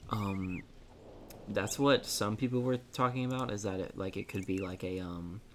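A man's voice: fairly low pitch, normal speed, slight background noise. A man co-hosting a gaming podcast, chatting casually and rambling with lots of fillers while he looks things up. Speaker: podcast co-host. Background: game music.

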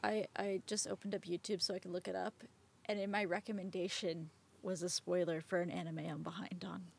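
A woman hosting a casual podcast, talking in an animated way. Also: fairly low pitch, brisk, gravelly, slightly rough. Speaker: podcast host and editor. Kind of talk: casual chat.

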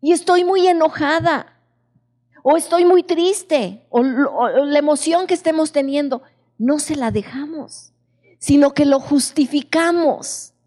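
A woman preaching a sermon, slowly putting questions to her congregation. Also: high-pitched, dark tone. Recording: long echo of a large hall.

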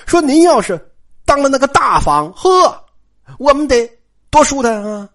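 Storyteller doing a flattering young servant, fast, gossipy, lively range. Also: male voice, sits high. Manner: chatty and flattering, talks fast.

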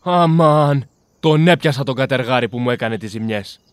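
A man's voice: mid-range voice, no room sound, natural voice. A man playing a poor hard-working farmer. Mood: determined. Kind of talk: storybook character voice.

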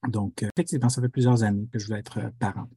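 Guy in his 30s, husky mellow voice, friendly, hesitates a bit. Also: fairly low pitch, steady tone, very fast, dry recording. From Quebec City. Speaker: guest, father. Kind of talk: casual interview answers.

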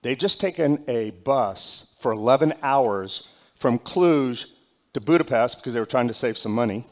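A man, a pastor, giving church announcements and interviewing a guest in a loose, conversational way with many fillers and restarts. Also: medium pitch. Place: church sanctuary.

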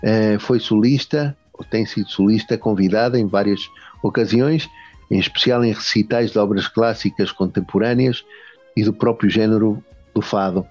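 A man hosts an interview, reading a long biography haltingly, with restarts and filler sounds. His voice sits fairly low and mellow. The audio is muffled and lo-fi, with faint music underneath.

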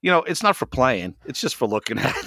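A man co-hosting a music show in casual chat, excitable and quick to react with exclamations. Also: fairly high pitch, breathy edge, no echo, clean studio sound. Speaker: podcast co-host.

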